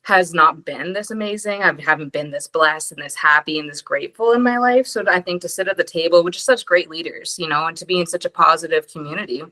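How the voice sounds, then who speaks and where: A woman's voice: low voice, quick pace, few pauses, sharp tone, poor audio. A woman on a group video call, speaking upbeat and encouraging, sharing gratitude with many "like"s. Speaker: call participant.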